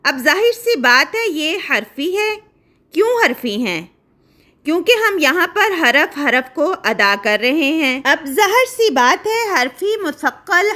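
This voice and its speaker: A woman's voice: high voice, pushed and bright. A young woman teaching a recitation class, explaining step by step and asking questions she then answers herself.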